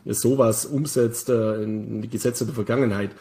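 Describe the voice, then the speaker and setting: A man hosting a finance talk show lays out tax matters in an even, considered way. He often stops, restarts and fills gaps with hesitations as he thinks aloud. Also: fairly low pitch. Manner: measured, with many fillers and restarts. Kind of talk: casual discussion commentary.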